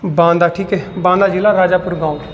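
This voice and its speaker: A man with a high-pitched voice teaches exam-prep grammar in a lecture style. He asks his students questions, answers them himself, and drags out key words to drive them home. The recording rings with long room reverb. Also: steady tone, a little hiss or hum. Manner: repeats key phrases slowly for emphasis, asks and answers own questions.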